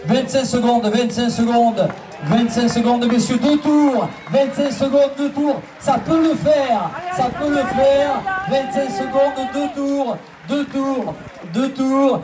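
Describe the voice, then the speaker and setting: A male race announcer heard from a distance through a loudspeaker. He keeps repeating lap counts and time gaps and pushes the roadside spectators to cheer. The recording is distant and outdoorsy, with clear background noise. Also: very high voice, slow. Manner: repetitive, urging the crowd to applaud. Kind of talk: live public-address race commentary.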